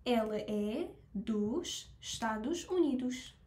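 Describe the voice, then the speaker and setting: A female language teacher with a slightly high, animated, somewhat mellow voice leads a live online class from an echoey room. Her first language is Persian, and she explains things step by step, quizzes the class, and slows down to model foreign phrases patiently.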